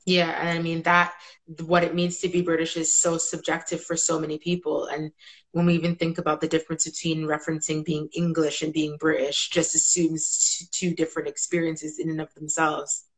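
A woman hosting an interview over a video call, asking measured questions and giving brief affirmations. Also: low voice, flat delivery. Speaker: interviewer, host. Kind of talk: conversational interview. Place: indoor room at home.

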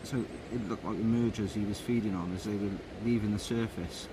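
A man in his thirties with a lowish voice, chatting in a relaxed, rambling way with plenty of ums. He films himself at arm's length beside a river, with a faint hum of outdoor sound behind him. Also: brisk. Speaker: fishing vlogger. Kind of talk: casual outdoor vlog narration. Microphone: phone or action camera held at arm's length.

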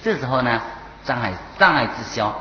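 A Buddhist monk with a Taiwanese Mandarin accent gives a dharma talk in a temple lecture hall, telling parables and chuckling at his own points. His mid-range voice is expressive, bright and pushed, at a normal speed. The recording is dull and lo-fi, with an echoey hall and faint hiss.

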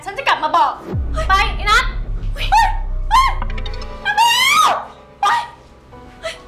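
A woman playing a panicky young swindler who pleads and shouts in a short film. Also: extremely high pitch, wildly swooping pitch, takes it slowly, heavily acted. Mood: panicked. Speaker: swindler who cheated an aunt. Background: loud music.

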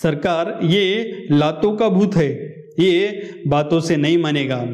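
A man voicing a rowdy, drunken, sly man who drawls slowly and mocks everyone. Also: fairly high pitch, darkish tone. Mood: mocking.

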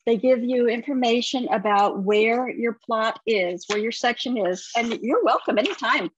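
A woman entertainment correspondent chatting on a TV segment, talkative and quick to laugh, with many restarts. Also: fairly high pitch, dull audio, a little hiss or hum. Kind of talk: casual TV segment chat.

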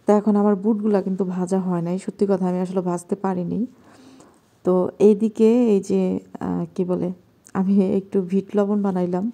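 Casting a Bangladeshi woman vlogger with a hushed night-time kitchen voice, very warm and dark. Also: mid-range voice, flat delivery, normal speed. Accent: Bangladeshi Bengali. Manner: talking softly and quietly at night. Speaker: vlogger cooking at home. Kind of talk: casual cooking vlog narration.

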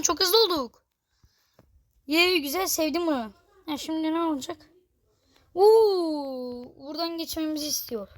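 High-pitched woman commenting on gameplay. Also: dry recording. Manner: excitable, exasperated, swears in jest. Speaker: gaming video creator.

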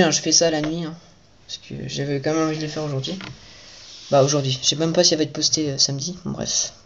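Toy reviewer, casual build commentary, chatty, repeats praise, mid pitch, dull lo-fi sound. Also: a bit bright, slight background noise. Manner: chatty, keeps praising with the same words. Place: at home at night.

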